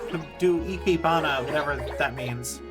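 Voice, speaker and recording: A woman's voice: deep voice, moderate pace. A woman chatting casually on a game livestream as a VTuber, with a cute, upbeat anime-streamer delivery. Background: game music.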